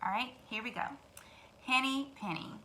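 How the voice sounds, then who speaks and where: A woman teacher hosts storytime, reading aloud expressively in a slightly high voice at a moderate pace and speaking directly to the young children with asides. The audio is poor, with clear background noise.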